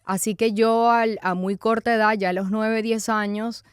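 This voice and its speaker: Woman with a smooth, clear voice. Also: fairly high pitch, flat delivery, moderate pace, no room sound, clean studio sound. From Venezuela. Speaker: guest, author and speaker. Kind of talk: conversational interview.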